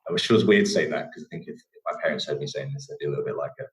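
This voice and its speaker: This podcast guest is a young northern Englishman who speaks in an extremely low voice and races through his story. He's casual and meandering, often using fillers and starting sentences over.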